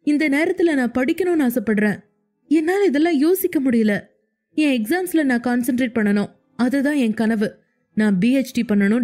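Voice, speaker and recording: A woman voicing a tearful, desperate young female student who pleads and sobs in a high voice. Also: a little mellow. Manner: sobbing, high-pitched pleading.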